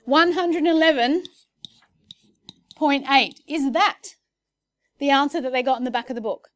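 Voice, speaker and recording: Woman teaching a class, slightly high voice, chatty and self-correcting, recorded dry. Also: a little slow, dry recording. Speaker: maths teacher. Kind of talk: classroom lesson.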